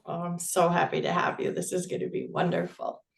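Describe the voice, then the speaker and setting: A woman hosting an interview, enthusiastic, laughing often and encouraging her guest with quick affirmations. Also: lowish voice, huge pitch swings, vocal fry, echoey room. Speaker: interview host. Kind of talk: interview conversation.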